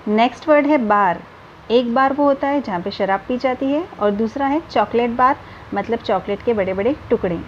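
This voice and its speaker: A woman teacher gives a grammar lesson. She reads English definitions out slowly and carefully, then explains each one. Her voice sits fairly high, and the recording is a dull, lo-fi voice-over with a faint hiss behind it.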